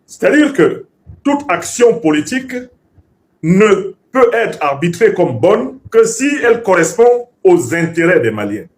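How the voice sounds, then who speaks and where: This male political commentator grew up speaking Bassa, and his slightly high voice ranges broadly in pitch. He holds forth like an orator, emphatic and professorial, driving his points home by repeating them. His pitch swings are big and his pace is unhurried.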